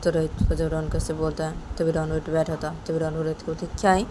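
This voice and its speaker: A woman's voice: low voice, completely flat delivery, quick pace, dark tone. Woman narrating a story over traffic noise. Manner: repetitive, plain retelling.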